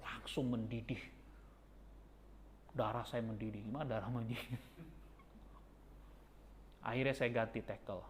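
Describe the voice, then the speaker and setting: A man, a pastor preaching a sermon with lively storytelling that jumps to a high, excited pitch. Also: measured pace, long pauses, a little hiss or hum.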